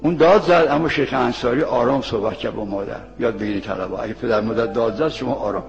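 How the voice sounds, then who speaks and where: A man's voice: mid-range voice, creaky. A man, a cleric, giving a plain-spoken moral sermon to seminary students, telling anecdotes and posing questions he then answers himself. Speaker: cleric preacher. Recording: lo-fi archival recording with long reverb and faint music.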